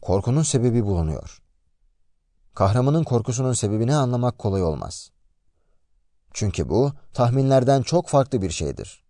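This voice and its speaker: A man retelling a story aloud in a lively, expressive way. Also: medium pitch, normal speed, pauses often, no room sound, clean studio sound. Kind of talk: narrated story summary.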